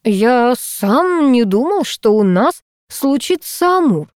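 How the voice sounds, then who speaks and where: A woman reading an audiobook, voicing a flamboyant, unruffled male photographer in a slow, high, drawn-out way. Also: very animated, darkish tone, no room sound, clean studio sound. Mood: languid, teasing.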